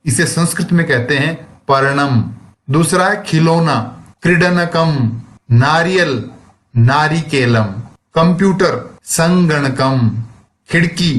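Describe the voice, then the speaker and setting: Slow-paced man teaching a lesson. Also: fairly high pitch, fairly bright tone. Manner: slow, explains word by word with translations. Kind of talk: recorded classroom lesson.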